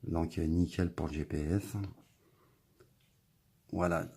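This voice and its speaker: Male tech vlogger, deep gritty voice, laid-back rambling review, music under him. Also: slow, husky. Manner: relaxed, rambling, filler-heavy commentary. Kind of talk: casual product review.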